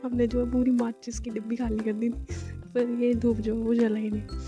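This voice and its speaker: A woman's voice: on the high side, level tone, normal speed, music in the background. A young woman narrating her day out with a friend in a rambling, chatty vlog voice-over, full of fillers. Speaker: vlogger.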